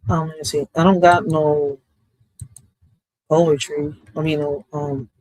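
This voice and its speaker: A man's voice: on the high side, flat delivery, slow pace, a little mellow, dry recording, low-quality recording. A man hosting his own livestream, chatting loose and streetwise, often cursing and asking "all right?". His voice is close and dry, with no room sound around it. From Puerto Rico. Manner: street-casual, repeats "all right?" and curses. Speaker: livestream host. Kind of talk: casual livestream chat.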